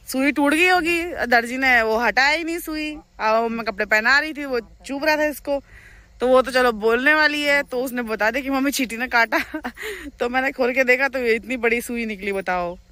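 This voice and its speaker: Bright-voiced young woman vlogger. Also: high voice, moderate pace, no room sound. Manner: chatty, animated, laughs often. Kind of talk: casual storytelling vlog. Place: at home, near farm animals.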